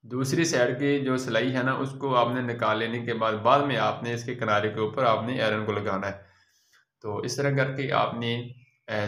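In a reverberant space, a male tailor patiently teaches viewers how to iron, one step at a time, pausing to check in after each. His voice is medium in pitch with a fairly bright tone, fitting this how-to demonstration.

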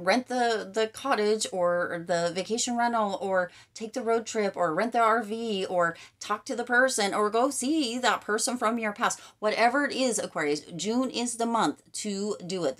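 A woman giving a casual tarot reading straight to the viewer, upbeat and emphatic, often repeating her catchphrases. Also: mid-range voice. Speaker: tarot card reader.

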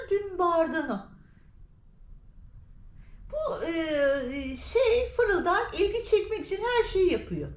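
Woman cat vlogger, middle-aged, high swooping voice, playful scolding baby talk, echoey room. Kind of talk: talking to her cats. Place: home by a balcony.

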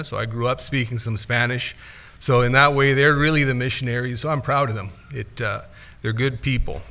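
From a wooden pulpit in a church sanctuary, a middle-aged missionary gives a casual report in a medium-pitched, pushed and bright voice. He talks conversationally, gestures with his hands, and fills gaps with many "uh" sounds. The pulpit microphone picks him up while the camera sits far away.

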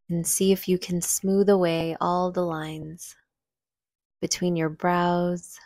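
In a clean studio recording with no room sound, a woman leads a guided meditation in a fairly low voice. She gives gentle, unhurried instructions and leaves long pauses between phrases.

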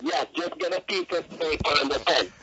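A man working as a telemarketer, reciting a scripted pitch in a rushed, insistent, repetitive manner over the telephone. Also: animated, pushed and bright, slight background noise. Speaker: telemarketer (scam caller). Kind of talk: scripted phone sales pitch. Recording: muffled telephone call audio.

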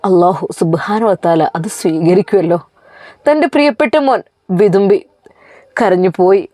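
A woman narrating an emotional religious family story in an expressive, lingering way. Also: mid-range voice, moderate pace, no room sound, clean studio sound.

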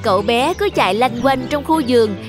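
A woman reads a scripted children's story aloud in a fairly high, animated voice, going a little fast. Jingly children's music can be clearly heard behind her.

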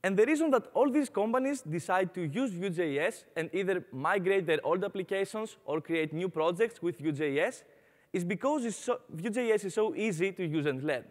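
On stage in a large conference hall, a young man from Greece delivers an upbeat talk in a Greek accent, often saying "uh." His high voice is expressive at a moderate pace, with a long reverb tail.

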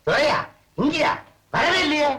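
An actor playing a scheming, quick-witted comic man in an old film, talking in fast wheedling banter. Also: very high-pitched, expressive, a crowd in the background. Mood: joking. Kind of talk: 1970s Tamil film acting. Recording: noisy old film soundtrack.

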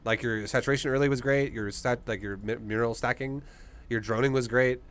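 A gaming coach and streamer in his thirties gives a gamer informal, encouraging coaching in a casual tone, close to the mic. His mid-range voice has fairly even intonation, a fairly quick pace, and a fairly bright tone, with faint background noise.

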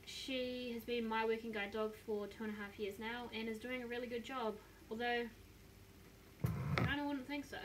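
A woman in her twenties with a New Zealand accent vlogs from a small bedroom, chatting casually to a phone camera held close to her face. She's upbeat and self-mocking, speaking at normal speed in a fairly high voice with fairly even intonation, and there's background noise.

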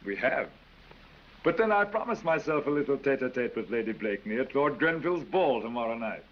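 A man's voice: mid-range voice, very animated, brisk, natural voice. A man playing a sly French ambassador, suave and dryly ironic, in 1930s film acting. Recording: dull 1930s film soundtrack with faint hiss.

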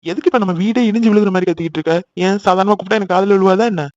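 A man's voice: high-pitched, very fast, darkish tone, no room sound, highs cut off, lightly acted. A man voicing a young brother who bickers with his sisters in a cartoon, exasperated and chatty. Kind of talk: cartoon voice acting.

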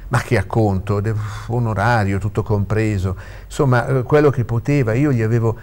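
A man's voice: fairly low pitch, fairly even intonation, normal speed, darkish tone, lightly acted. A man voicing a young male lawyer who talks hesitantly, full of fillers, in a read-aloud story. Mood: complaining. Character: young lawyer, uncertain and chatty.

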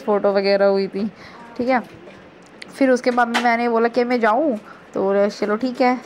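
A young woman vlogger narrating her sister's engagement clips in a chatty, casual way, often repeating "so guys". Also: a little high.

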